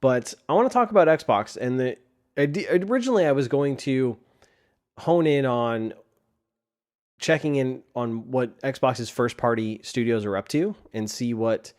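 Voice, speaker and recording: A man hosts a solo podcast in a casual, rambling way, often restarting his sentences, using a desk microphone. His voice is medium-pitched, unhurried, and darkish, and it sounds tired from a sore throat.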